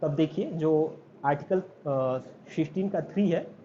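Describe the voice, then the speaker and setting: Indian man lecturing, slow and repetitive. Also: on the high side, warm tone. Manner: repeats and spells out terms slowly, asks students to write along. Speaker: law lecturer. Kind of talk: recorded lecture. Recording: dull lo-fi with faint hiss.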